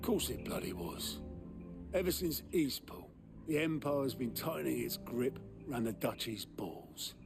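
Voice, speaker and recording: An actor playing a blunt, gruff quartermaster in a video game. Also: male voice, mid-range voice, big pitch swings, measured pace. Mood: grim. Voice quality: gravelly, blunt. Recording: game audio with music behind.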